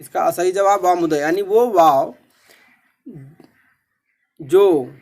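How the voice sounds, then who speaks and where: A man's voice: high-pitched, slow, a little mellow. A man teaching an exam-preparation lesson in a methodical way, repeating each question and its answer.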